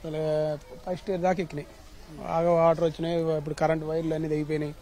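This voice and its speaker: A man's voice: on the high side, monotone, quick pace, mellow. A man whose belongings were ruined, talking wearily to a reporter outdoors, away from the microphone. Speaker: flood-hit resident. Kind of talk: street interview. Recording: speaking from away from the mic.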